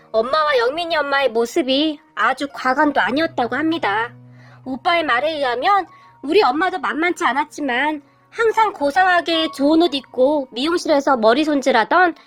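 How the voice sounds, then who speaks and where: A woman with a high, light voice reads a first-person story aloud at an even storytelling pace. Faint music plays softly underneath. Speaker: story reader. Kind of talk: reading a submitted story aloud.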